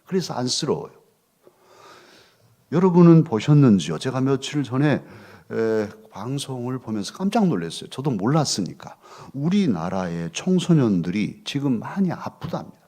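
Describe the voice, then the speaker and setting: A middle-aged male pastor preaching a sermon in a church, moving between loud rhetorical questions and soft, hushed asides. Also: medium pitch, normal speed. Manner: expressive, swings from loud questions to soft near-whispers. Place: church sanctuary.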